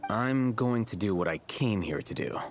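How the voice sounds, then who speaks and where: An actor playing an aloof, dry-witted male scholar in a video game, who speaks in a curt, deadpan way. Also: fairly low pitch, normal speed, close to an everyday voice. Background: game music.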